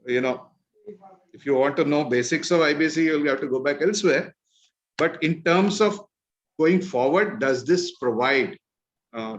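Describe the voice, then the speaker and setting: A man's voice: medium pitch, a bit bright. North Indian man explaining over a dull call. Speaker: discussion leader, presenter. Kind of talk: informal expert explanation in online discussion. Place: virtual meeting call.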